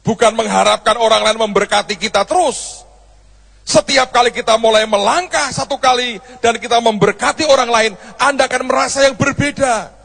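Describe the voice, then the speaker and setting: A male pastor delivers a sermon, telling a story and acting out each person's lines with changing voices. His voice is high and a little husky, and it carries a long reverb from a church hall. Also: normal speed, fairly bright tone. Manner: storytelling, acts out dialogue with shifting voices.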